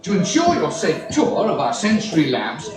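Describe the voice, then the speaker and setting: A polite, measured safety announcement comes from a loudspeaker somewhere off from the camera. It rings with echo and is nearly swamped by loud music. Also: male voice, high voice, wildly swooping pitch, recorded from a distance. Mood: calm. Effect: played over a ride loudspeaker.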